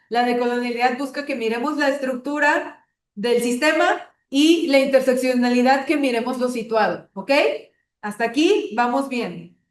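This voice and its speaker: A woman from Tabasco speaks with a Mexican accent, leading an online workshop in a patient, explanatory way. She keeps checking in with her listeners as she goes. Her voice sits a little high, and the room around her rings with echo. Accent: Mexican Spanish. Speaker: workshop facilitator.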